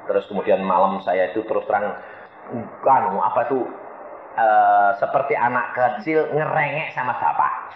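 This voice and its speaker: A man preaching a sermon, telling a story with animated acted-out dialogue and sudden swings between loud outbursts and hushed asides. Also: fairly low pitch, moderate pace. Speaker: evangelist preacher. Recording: echoey, phone-like radio broadcast with faint noise.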